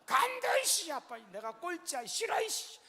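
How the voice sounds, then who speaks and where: A man voicing a sulky, furious young boy in shrieking tantrum yells. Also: extremely high pitch, big pitch swings, moderate pace, voice pushed up, exaggerated voice. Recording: long church-hall reverb.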